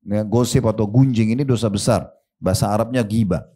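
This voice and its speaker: A man's voice: on the low side, a little fast, dark tone. A man preaching a sermon, reciting Arabic verses and talking straight to his listeners. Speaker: Islamic preacher. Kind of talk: sermon to a seated congregation.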